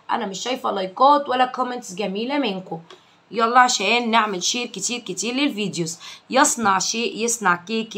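A young woman with an Egyptian Arabic accent teaching English vocabulary to children, saying each word slowly and loudly after explaining it. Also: mid-range voice.

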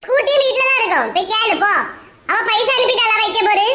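A brash, scolding woman with a Kanyakumari Tamil accent, acting out a comic family skit in a very high, shrill voice. She talks in a lively, teasing, chiding way. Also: fast talker. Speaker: comedy skit creator.

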